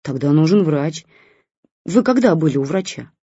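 A woman reading an audiobook, voicing a blunt, sharp-tongued young mother. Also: low voice, lively intonation, moderate pace, slightly rough, no room sound. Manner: snappy, blunt. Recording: dull lo-fi recording.

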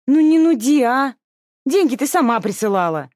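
A bratty sixteen-year-old girl, voiced by a woman reading the book, whining and squealing in high, leaping tones. She talks back and throws tantrums, her voice jumping well above the reader's own. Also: expressive, moderate pace, a little mellow, no room sound, clean studio sound. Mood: cheeky, whiny. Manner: petulant, shrill outbursts.

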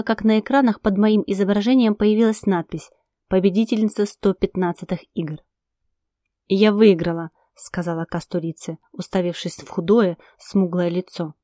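A woman narrating a first-person novel with an expressive, dramatic delivery. Her voice is mellow and warm. The recording sounds dry and close. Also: mid-range voice, dry recording. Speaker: audiobook narrator.

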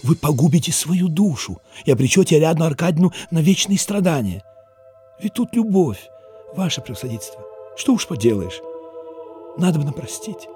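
A man's voice: fairly high pitch, very animated, moderate pace, dark tone, soft background music. A man voicing a timid, earnest young clerk who talks in a nervous, stammering way. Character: timid, earnest young male clerk, jug-eared and pimply.

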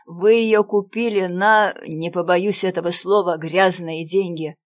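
A woman voicing a proud young gentleman in a storybook reading, indignant and clipped as he scolds. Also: sits high, steady tone, measured pace. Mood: scornful. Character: stern proud young gentleman, quick to scorn.

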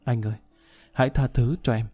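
A man's voice: mid-range voice, lively intonation, fast, mellow, faint music behind, close to an everyday voice. A man voicing a pleading guilt-ridden wife. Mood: tender, pleading. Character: weary middle-aged woman, guilt-ridden wife.

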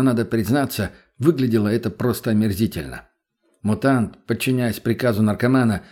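A male audiobook narrator with a blunt, crude, matter-of-fact delivery. His voice sits in a middle pitch, plain and steady.

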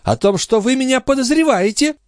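A man doing a shrill old concierge woman. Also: expressive, brisk, dry recording, clean studio sound. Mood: shrill indignant. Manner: whiny, indignant, sugary.

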